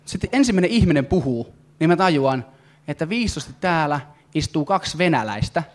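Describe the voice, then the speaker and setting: A man performing a stand-up comedy routine on stage, talking in animated, excitable bursts. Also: on the high side. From Finland. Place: comedy stage before a live audience.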